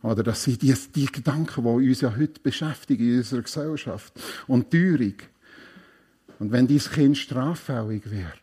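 A man preaching a sermon, emphatic and repeating key phrases, swinging between hushed and loud passages. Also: mid-range voice, normal speed, husky.

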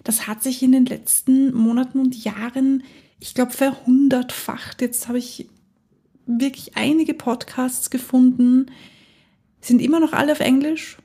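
This podcast host, a woman whose native language is German, delivers a casual solo monologue that is chatty, enthusiastic and full of laughter. Her high voice is mellow and husky, steady in tone and unhurried.

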